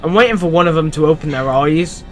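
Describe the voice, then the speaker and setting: Excitable reaction host, fairly high voice, show music playing behind him. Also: male voice, quick pace. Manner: excitable, swears, reacts loudly. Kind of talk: casual reaction commentary. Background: show soundtrack music.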